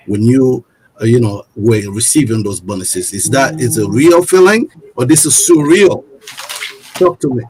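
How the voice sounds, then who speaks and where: A middle-aged man hosting a panel interview, halting and repeating words. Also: medium pitch, darkish tone, slightly rough. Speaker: host.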